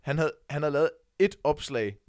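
A young man, co-hosting a podcast and telling a story with excitement, acting out the shouts he quotes. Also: a little high, no room sound, clean studio sound. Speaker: podcast co-host. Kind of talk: casual chat.

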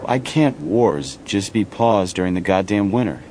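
A man's voice: on the low side, expressive, unhurried, background noise, pitched above the performer's own voice. A man voicing a sarcastic, weary male soldier stuck inside through winter, with a dry, sarcastic delivery. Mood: grumbling.

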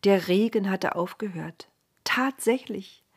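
A woman narrating a storybook in a gentle, expressive way, at times dropping to a whisper. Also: medium pitch, takes it slowly, husky.

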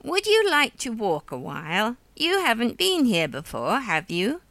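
A woman reading the part of a gentle, nostalgic older widow, talking slowly and fondly. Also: fairly high pitch, huge pitch swings, no room sound, exaggerated voice. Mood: wistful.

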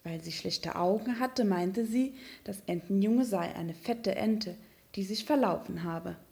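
Frau liest ein Märchen vor. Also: female voice, medium pitch, measured pace, vocal fry, a little mellow. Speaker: storyteller. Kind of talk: fairy tale reading.

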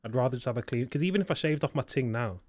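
A man's voice: medium pitch, lively intonation, rapid-fire, darkish tone, no echo. A man in his twenties with an urban London roadman accent, bantering casually in street slang as a co-host. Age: 20s. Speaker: co-host of a chat show.

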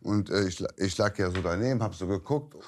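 A man's voice: low-pitched, brisk. A man on a reality show recounting events bluntly in a confessional interview. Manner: blunt, direct. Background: music.

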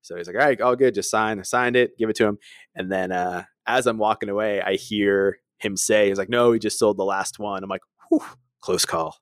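A man co-hosting a casual podcast chat, telling stories with lively acted-out quotes and frequent laughs. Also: fairly low pitch, fairly quick, clear, resonant tone, no room sound, clean studio sound. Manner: animated storyteller, acts out voices, laughs often. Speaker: podcast co-host.

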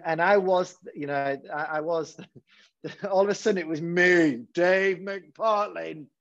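A man's voice: a little high, no echo. A man, a head teacher, speaking candidly in an interview, often restarting his sentences. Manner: hesitant, many repeated false starts. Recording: slightly dull, dry lo-fi sound.

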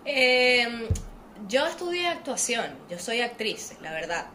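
A woman's voice: a little high, big pitch swings, slow, pushed and bright, slight background noise. A woman from Venezuela with a Caribbean Spanish accent, chatting casually and telling her own story in informal, slangy talk. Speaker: podcast guest, actress and model.

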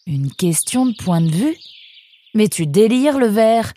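An excitable young fox boy who pipes up high and protests at everything, as a woman puts him on. His voice stays warm and soft-edged despite the jumps. This is a children's storybook. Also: close to an everyday voice. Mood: indignant. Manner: high, exclaiming, quick to protest.

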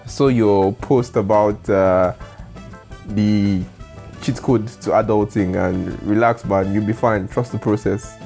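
A man hosting a casual podcast, relaxed and teasing, often repeating his words. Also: lowish voice, takes it slowly, creaky, soft background music. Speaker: podcast host.

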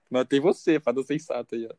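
A man's voice: medium pitch, warm tone, no room sound. Playful young Brazilian man, dry sound. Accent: Brazilian Portuguese. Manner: playful, jokey, laughs often. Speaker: podcast co-host. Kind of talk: casual chat.

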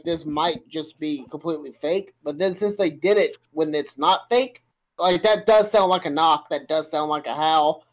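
Male co-host, a touch high, rambling filler-heavy chat. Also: low-quality recording. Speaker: podcast co-host. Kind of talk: casual chat.

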